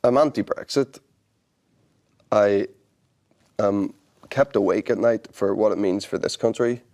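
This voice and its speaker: Low-voiced Northern Irish man, hesitant. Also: unhurried, a little mellow. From Northern Ireland. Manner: thoughtful, hesitant, repeats words as he restarts. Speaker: actor guest. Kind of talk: interview conversation.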